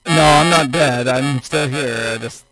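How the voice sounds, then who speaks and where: A man's voice: medium pitch, a little slow, rough recording. A man co-hosting a stream while playing a game, talking casually and a little distractedly. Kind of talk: casual chat. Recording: loud game music behind. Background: game music.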